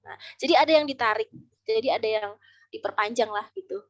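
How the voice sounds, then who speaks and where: A woman's voice: fairly high pitch, a little fast, no echo. A woman speaker in a webinar, explaining public speaking and voice-over tips with demonstrations. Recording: dull online call audio.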